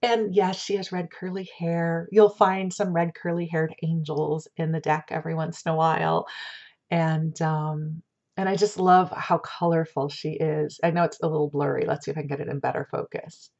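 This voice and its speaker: Female oracle reader, fortune-teller manner: lowish pitch, conversational and gently reassuring, slightly muffled lo-fi recording. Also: flat delivery, normal speed. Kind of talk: casual spiritual card reading in the manner of a fortune teller. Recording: dull lo-fi sound.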